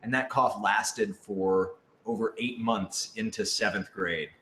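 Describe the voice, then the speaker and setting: With a lowish voice that comes out slow, pushed, and bright, a young American voice actor from a radio drama rambles through casual chat and stories, wry and joking. The room is echoey and the noise is audible.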